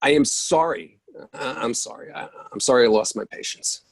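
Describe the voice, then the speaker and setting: In a staged play reading, a man with a gravelly, husky mid-range voice takes the part of a character who loses patience easily and craves his coffee. He delivers it in an exasperated, bickering way, quick to snap.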